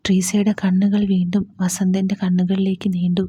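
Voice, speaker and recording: Breathy whispering woman storyteller. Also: mid-range voice, normal speed, muffled recording. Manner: even, intimate whispered narration. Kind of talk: whispered role-play.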